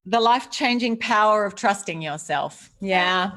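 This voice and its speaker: A middle-aged Australian woman appears as an author guest on a video call for a casual interview, speaking earnestly and reflectively and often restarting her sentences. Her medium-pitched voice is expressive, unhurried and fairly bright.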